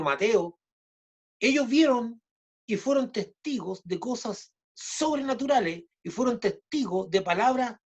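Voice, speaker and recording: A man preaching a sermon, speaking in short halting phrases with many restarts and fillers. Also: sits high, slightly rough, lo-fi sound. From Chile.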